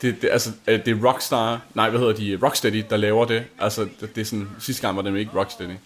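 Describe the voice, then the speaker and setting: A young Danish man hosting a gaming channel has a lowish voice and a flat delivery. Still, he chats casually over gameplay in a rambling, gushing manner full of fillers and restarts.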